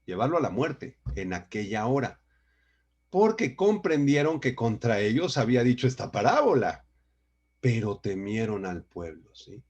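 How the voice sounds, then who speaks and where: Over a video call, a man leading an online Bible lecture as pastor presses his points emphatically, dropping frequent rhetorical "¿sí?" checks. His medium-pitched voice swings widely in pitch, moves a little slowly, and has a dark, breathy edge.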